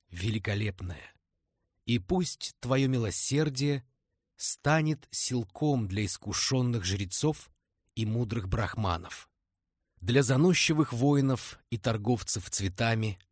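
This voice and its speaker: A man voicing a dying old woman, a fierce former temple dancer, with a slow, solemn, prophetic delivery. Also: mid-range voice, no room sound, clean studio sound.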